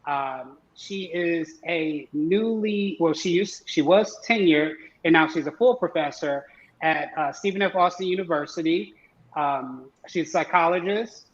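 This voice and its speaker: A man talking casually as a guest on an online show, pausing often with ums and uhs. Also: a little high. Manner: hesitant, many ums and uhs. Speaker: guest husband. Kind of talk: casual video-call chat. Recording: roomy, dull lo-fi sound.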